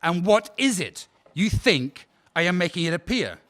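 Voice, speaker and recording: A man voices a prosecuting officer cross-examining a witness at a war crimes trial in an audio drama, his manner probing, sarcastic, formal, and cold. He sounds high and a bit bright, very animated, at normal speed.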